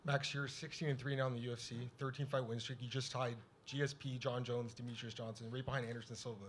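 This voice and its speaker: A man's voice: medium pitch, level tone, fast talker. A man working as a reporter, posing a long interview question from some way off. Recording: quiet, distant, faint room noise.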